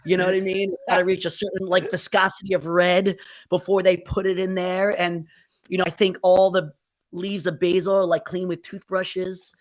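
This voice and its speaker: A man's voice: high-pitched, little pitch movement, moderate pace. Podcast guest, man, easygoing, rambly, jokey. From New Jersey. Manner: rambling, playful exaggeration. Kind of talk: casual chat.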